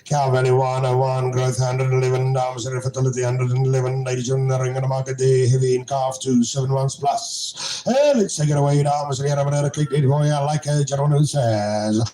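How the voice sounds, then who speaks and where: A man working as a livestock auctioneer, chanting bids in a fast rhythmic run. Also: mid-range voice, fairly even intonation, dark tone. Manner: rhythmic chant of repeated bids, switching languages. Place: cattle sale ring. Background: crowd of buyers.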